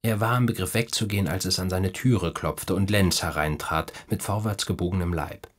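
A man narrating a literary audiobook in a measured, even storytelling manner. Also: low-pitched.

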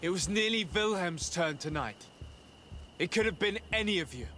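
An actor playing a calm, earnest and compassionate hero in a video game. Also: male voice, high voice, moderate pace, a little hiss or hum. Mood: earnest, persuasive.

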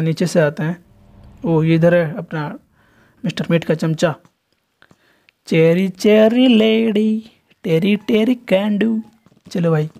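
A young man giving casual, excitable commentary while playing a horror game and chatting to his viewers. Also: fairly high pitch. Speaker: gameplay streamer.

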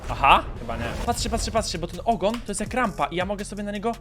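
A young man giving excited, teasing commentary while playing a game, often shouting at other players. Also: sits high, racing, creaky. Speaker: gaming YouTuber. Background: background music.

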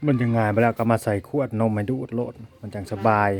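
A man's voice: lowish voice, steady tone, fast talker, a little mellow. Chatty man with an Isan accent. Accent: Isan Thai. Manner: chatty, keeps calling out to viewers as brothers and sisters. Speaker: vlogger filming family life. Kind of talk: casual running commentary to viewers. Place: family home in a rural village.

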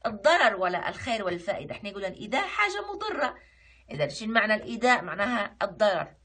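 A woman's voice: medium pitch, sing-song, rapid-fire, fairly bright tone, slightly rough. A woman teacher with a Libyan accent, reviewing a lesson online and patiently explaining. She asks questions and then answers them herself. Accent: Libyan Arabic.

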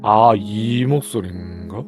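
A man's voice: on the low side, takes it slowly. A man co-hosting a show, chatting casually with short reactions and questions. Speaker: co-host. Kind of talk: casual co-host chat with brief reactions. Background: light music behind the voice.

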